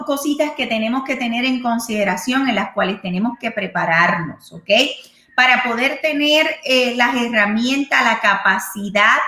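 Her voice is a little high, bright and forceful, and the recording is reverberant. The Puerto Rican host, a real estate consultant with a Puerto Rican Spanish accent, runs a chatty live-streamed call-in style show, mixing in English and often asking "¿ok?".

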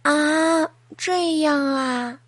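A woman voicing a small, cheerful boy hedgehog who loves to dance, in a gentle, musing way for a children's storybook. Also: very high voice, takes it slowly, no room sound, voice pushed up, heavily acted. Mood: sad.

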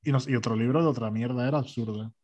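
A man telling a story in a casual chat, ironic and animated, acting out the other voices. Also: mid-range voice, racing, lo-fi sound.

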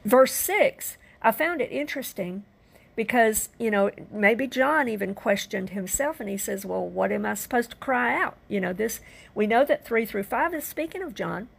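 Older female preacher, gravelly voice, earnest scripture teaching with rhetorical questions. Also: on the high side, lively intonation, normal speed. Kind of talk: Bible teaching sermon.

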